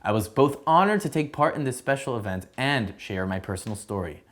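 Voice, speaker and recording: A young man from San Diego reads his own testimony aloud at a steady pace. His voice sits at an ordinary middle pitch, and his delivery is earnest and measured, like a soldier telling his story. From San Diego, USA. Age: young adult. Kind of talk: read personal testimony.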